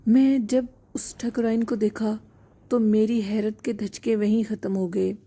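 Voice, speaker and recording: A woman narrating a first-person horror story in a steady, unhurried reading voice. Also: mid-range voice. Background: faint background music.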